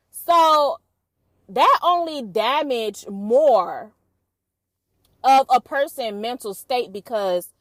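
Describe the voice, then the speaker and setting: A woman's voice: sits high, no room sound. A young woman hosting a vlog, talking bluntly and casually to camera with lots of profanity. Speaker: vlog host. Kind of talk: casual opinion monologue to camera.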